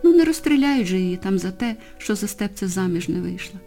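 A woman reading a historical story aloud with expressive, varied phrasing. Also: mid-range voice, brisk, faint music behind. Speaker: narrator. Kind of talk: audiobook narration.

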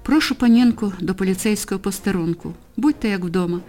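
A woman voicing a burly male police officer who gives calm, curt, commanding orders in a storybook reading. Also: medium pitch, a little fast, faint music behind, lightly acted. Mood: mocking.

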